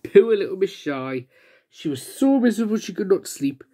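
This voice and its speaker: Lively woman reading a children's book. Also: medium pitch, moderate pace. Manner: expressive, voicing characters. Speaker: storyteller.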